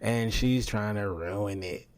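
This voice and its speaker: A man's voice: on the low side, slow. A man co-hosting a casual TV recap podcast in a laid-back, teasing manner, laughing often. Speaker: podcast co-host.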